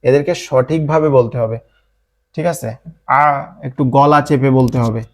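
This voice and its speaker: A man's voice: mid-range voice, moderate pace. A man from Bangladesh teaching an online Quran recitation class in Bengali-accented speech, drilling letter sounds and answering his own questions.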